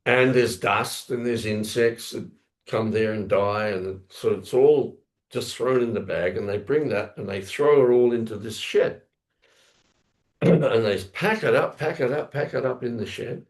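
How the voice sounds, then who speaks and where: A man's voice: medium pitch, measured pace. A man giving a scripture class, telling a story in a rambling way, often correcting himself and acting out sounds with his voice. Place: temple lounge class, indoors.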